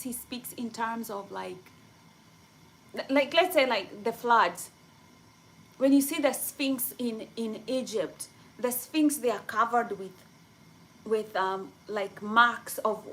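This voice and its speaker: A young woman from Kenya chatting casually with viewers on a livestream, rambling excitedly with many fillers. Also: on the high side, a little hiss or hum, poor audio. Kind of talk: casual live chat.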